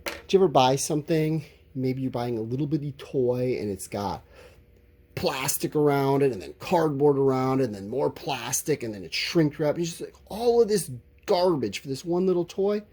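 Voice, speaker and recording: With a medium-pitched, mellow voice, this man is animated and keeps a moderate pace, and a slight hiss or hum can be heard. He's an elementary school teacher giving kids an informal lesson, reasoning out loud in simple, upbeat terms while he writes down answers.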